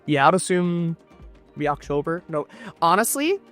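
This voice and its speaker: A man's voice: fairly high pitch, very animated, normal speed, fairly bright tone, soft background music. A man in a casual chat, speculating and thinking aloud in short bursts.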